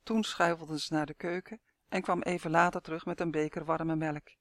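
A man narrates a storybook in a steady, gentle reading voice. His voice sits a little high for a man, and the recording is close and dry. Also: normal speed, no room sound.

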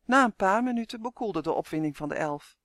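A man narrating a children's audiobook in a clear, even storytelling manner. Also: high voice, brisk, no room sound, studio quality.

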